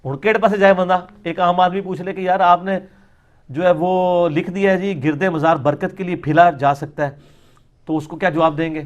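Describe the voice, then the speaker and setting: A man's voice: sits high, fairly even intonation, muffled recording. A man giving a religious lecture, arguing and mocking his opponents' views. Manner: mocking, argumentative, mimics opponents.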